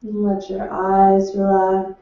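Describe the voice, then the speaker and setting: A woman leading a guided meditation, speaking in slow, soothing, unhurried instructions from far off in an echoing room. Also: medium pitch, completely flat delivery. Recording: distant, echoey and dull.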